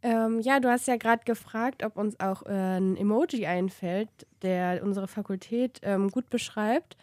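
A young woman of about twenty speaks hesitantly as a student guest, with a warm, mellow tone. The sound is dry and close. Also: medium pitch, measured pace, no echo. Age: 20s. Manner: hesitant, with many fillers. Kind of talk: podcast chat.

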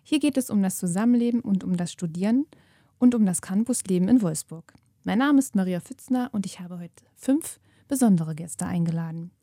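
A woman's voice: mid-range voice, lively intonation, a little fast, dark tone, no room sound, clean studio sound. A woman hosting a university podcast, asking encouraging questions. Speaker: podcast host.

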